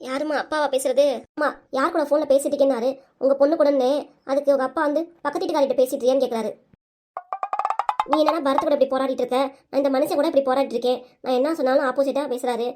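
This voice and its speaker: A woman voicing a nagging, sharp-tongued elderly grandmother in a cartoon comedy, with a southern Tamil Nadu accent, scolding and exasperated. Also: sits high, steady tone, fast talker, close to an everyday voice. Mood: complaining.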